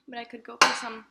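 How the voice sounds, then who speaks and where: A woman's voice: fairly high pitch, creaky. A young woman talking casually to camera while eating, chatty and self-encouraging, sometimes speaking with her mouth full. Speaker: mukbang vlogger. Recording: noticeable background noise.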